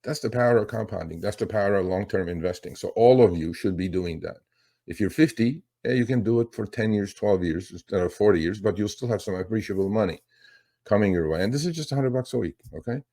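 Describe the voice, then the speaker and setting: Middle-aged male finance host, very low-pitched, loose rambling delivery full of fillers. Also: fast talker, warm tone. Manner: rambling, lots of fillers and restarts. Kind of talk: casual market commentary.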